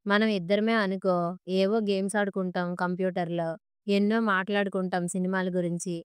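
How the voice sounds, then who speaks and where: A resentful teenage boy grumbles bluntly, as a woman reading the story voices him. The delivery is smooth and clear, recorded dry and close. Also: mid-range voice, flat delivery, moderate pace, no echo, close to an everyday voice. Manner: blunt and irritable.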